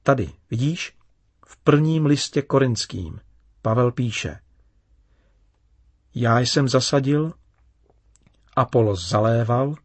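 A man voicing a kind, patient father in a children's story, calm and explaining. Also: mid-range voice, pauses often, no room sound.

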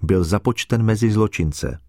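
A man reading the words of Jesus in a measured, solemn way during a scripture reading. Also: fairly low pitch, warm tone, dry recording, studio quality, natural voice. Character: Jesus, a calm grown man teaching.

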